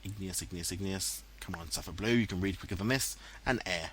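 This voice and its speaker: English male let's-player, low-pitched and chatty, self-mocking, faint background hiss. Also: fairly quick, fairly bright tone. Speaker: let's play commentator. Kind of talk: casual game commentary. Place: home room, voice-over recorded later. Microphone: headset, dubbed in post-production.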